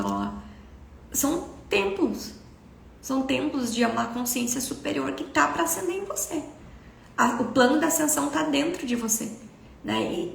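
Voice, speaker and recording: High, gravelly Brazilian woman hosting a live stream. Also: roomy sound, a little hiss or hum. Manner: expressive, earnest, storytelling. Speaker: spiritual self-development host. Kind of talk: casual live-stream talk.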